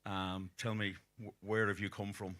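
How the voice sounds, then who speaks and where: A man's voice: lowish voice, flat delivery, moderate pace, a bit bright. A man hosting a live sports interview, putting questions to guests as a rugby commentator would.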